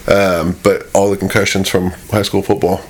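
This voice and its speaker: A fairly low-voiced man talks casually as a guest on a podcast, quick with a joke and an easy laugh. A faint hiss of noise sits under his voice. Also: little pitch movement. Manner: laughs often, quick asides. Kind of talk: casual chat.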